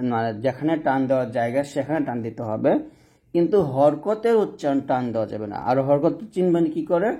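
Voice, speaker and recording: Male Quran reading teacher, highish mellow voice, slow drawled letter sounds between quick explanations. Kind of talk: online reading lesson.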